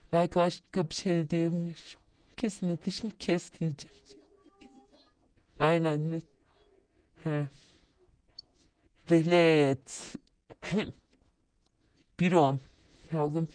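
A woman vlogger talks in a low, unhurried voice, narrating to her viewers as she types and muttering to herself along the way. Her tone is dark and mellow, and it jumps now and then into sharp high exclamations. The sound is dry, with no room echo. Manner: chatty, talks to herself while typing messages; sudden high-pitched exclamations. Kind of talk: casual screen-recorded commentary.

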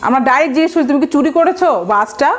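A woman from Bangladesh with a high, light voice gives a recorded vocabulary lecture for exam students. She explains each word patiently, spells it out letter by letter, and mixes English example sentences into her explanations. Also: lively intonation, very fast. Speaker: vocabulary teacher.

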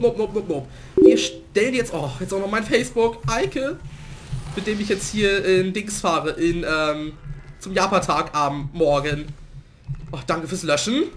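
A man commentating his own gameplay in a let's play, a little hoarse from a cold and prone to excited outbursts. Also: high-pitched, a little hiss or hum. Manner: excitable, swings to loud outbursts and laughter. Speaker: gaming let's player.

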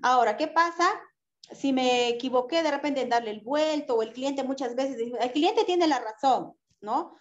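A woman teaches pharmacy customer service in an animated lecture, often checking in with her listeners. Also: high-pitched, normal speed. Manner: animated, acts out customer exchanges, tag questions. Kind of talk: lively lecture with acted examples. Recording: echoey room, dull lo-fi sound.

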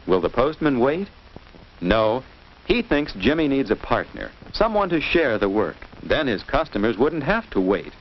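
On a muffled, noisy 1950s soundtrack, a man with an American accent narrates a children's instructional film from a script. His medium-pitched delivery is sing-song and unhurried, didactic in tone, and he poses questions to the kids listening.

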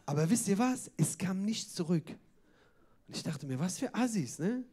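A man's voice: high voice, expressive, moderate pace, mellow, breathy edge. A man doing a stand-up comedy set on a club stage, chatty and full of wordplay and tag questions.

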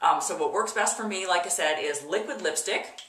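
A woman's voice: fairly low pitch, normal speed, fairly bright tone. A woman in her thirties giving a casual, emphatic tutorial to camera in an echoey bathroom, repeating words for emphasis. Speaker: video host, makeup tutorial presenter. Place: small indoor bathroom. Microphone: camera mic a little way off. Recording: echoey bathroom, mic at a distance.

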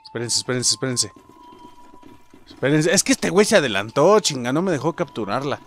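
A young adult man with a Mexican accent giving excitable gameplay commentary, swearing and yelping as he plays. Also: medium pitch, fairly quick, soft background music. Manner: excitable, swearing, yelps and shouts. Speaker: gaming youtuber.

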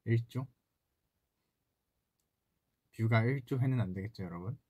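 This husky, darkish male voice sits at medium pitch and moves quickly, with no room sound and the highs cut off. He's a twenty-something idol singer seated at a desk in a small room, casually answering fan comments during a playful solo livestream.

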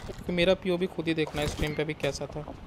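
A man's voice: fairly high pitch, fairly even intonation, fast, background noise. A man streaming a battle royale game, chatting casually and bossily coaching his teammates on tactics. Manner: bossy, lecturing teammates on tactics. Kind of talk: casual gaming chat with teammates. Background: game gunfire and vehicle sounds.

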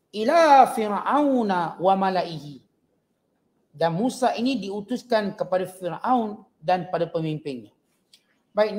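A man with a Malaysian Malay accent giving a Quran commentary lecture, slowly chanting Arabic verses and then explaining them plainly to his audience. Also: high-pitched. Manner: slow, drawn-out recitation of Arabic verses between plain explanation; addresses the audience directly as gentlemen. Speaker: religious teacher.

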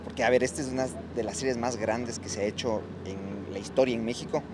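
A man in his thirties with an Ecuadorian accent, answering in a grateful, laughing way with halting restarts, outdoors into a handheld mic. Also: medium pitch, steady tone, background noise. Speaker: director, guest. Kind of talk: interview answers. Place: city street outdoors. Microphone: handheld microphone held by interviewer.

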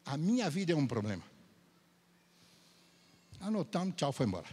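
With a slightly high, breathy voice at a moderate pace, this Brazilian man is the Gideon speaker delivering a testimony from the church sanctuary. He tells it as a lively story, performing the dialogue himself, while the hall's reverb fills the recording.

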